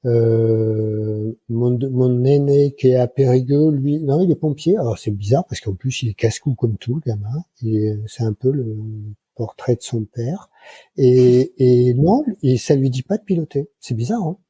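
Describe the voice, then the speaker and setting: A man's voice: medium pitch, unhurried, mellow, slightly rough, no echo. A man in his sixties, a flight instructor, telling colloquial anecdotes in a casual interview with many fillers. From France. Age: 60s. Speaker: guest, microlight flight instructor.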